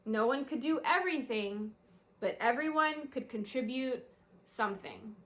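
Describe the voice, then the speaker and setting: Here a woman whose voice is on the high side reads a picture book for children, going a little slowly and delivering it with expressive storytelling.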